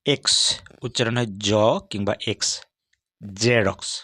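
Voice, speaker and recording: A man giving a steady, measured lesson as an English teacher, walking through letters one by one. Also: mid-range voice, no echo. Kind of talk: scripted lesson on English consonant sounds.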